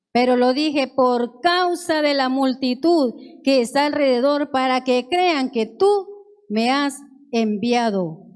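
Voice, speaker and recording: A woman preacher reads scripture aloud in a church, verse after verse, pausing to explain each one earnestly. Her voice sits high and she takes her time, letting each phrase land slowly. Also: darkish tone. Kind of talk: sermon with Bible reading.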